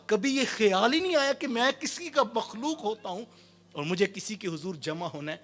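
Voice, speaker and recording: Man, high voice, sermon, storytelling, loud-soft swings. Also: lively intonation. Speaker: Islamic preacher.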